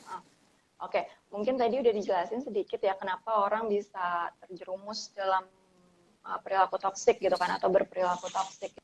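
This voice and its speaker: A woman's voice: mid-range voice, fairly even intonation, fairly quick, low-quality recording. A woman speaking casually as a guest in an online discussion, her voice breaking up over a bad call connection and restarting her sentences.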